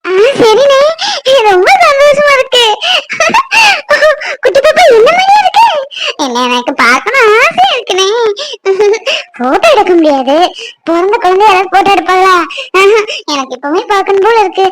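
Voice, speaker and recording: A woman voicing a hot-tempered young wife and sister in a cartoon, scolding and then excitable. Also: very high voice, fairly quick, full character voice. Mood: excited.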